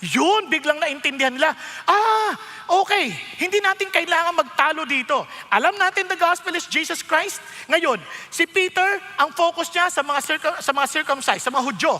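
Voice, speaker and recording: A male pastor, preaching an animated, joking sermon and mixing in English. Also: extremely high pitch, moderate pace. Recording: long hall reverb.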